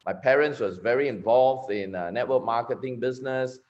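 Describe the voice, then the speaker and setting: A man's voice: medium pitch, a little fast. A man in his forties from Malaysia with a Malaysian accent, giving a chatty recorded conference talk on network marketing, often repeating and restarting words. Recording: slightly dull lo-fi recording.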